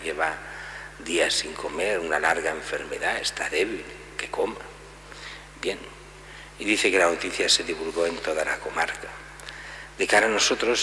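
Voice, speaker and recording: Deep-voiced middle-aged priest preaching. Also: male voice. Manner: calm explanatory teaching with many asides. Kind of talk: homily at daily Mass. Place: church sanctuary at a lectern. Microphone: lectern gooseneck mic. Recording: church reverb, faint hum.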